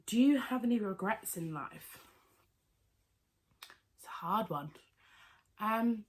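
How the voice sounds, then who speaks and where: Chatty woman in her twenties. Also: medium pitch. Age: 20s. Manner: chatty, rambling, with many fillers and self-corrections. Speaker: vlogger. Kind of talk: casual Q&A vlog.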